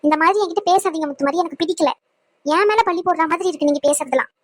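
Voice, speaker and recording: A woman's voice: very high-pitched, rapid-fire. A woman voicing a defensive young woman friend in a cartoon, protesting and pleading. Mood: indignant. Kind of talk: cartoon voice acting.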